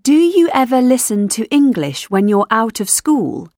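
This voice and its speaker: A woman reading scripted questions for a language lesson recording, enunciating each one clearly. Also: fairly high pitch, very animated, measured pace, dark tone, no room sound, studio quality. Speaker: language textbook audio narrator.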